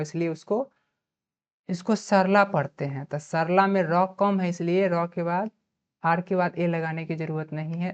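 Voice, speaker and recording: Woman, Bihari Hindi accent, online grammar teacher, low voice, spells letters one at a time, dull lo-fi recording. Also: darkish tone, clear, resonant tone. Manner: slow, spells out letters one by one, asks and answers her own questions. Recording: dull lo-fi sound.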